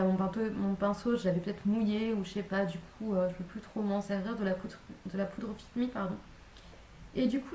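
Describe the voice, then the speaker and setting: A woman's voice: medium pitch, mellow, a little hiss or hum. A young woman chatting casually to camera about makeup she bought, rambling with lots of hesitations and self-corrections. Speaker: beauty vlogger. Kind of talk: casual haul chat to camera. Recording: echoey room.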